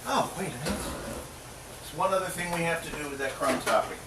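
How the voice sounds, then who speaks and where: A middle-aged man hosts a laid-back cooking show from his home kitchen, his voice fairly high and his speed normal. He chats, jokes and talks to himself while cooking. A distant mic gives a roomy kitchen sound with noticeable background noise.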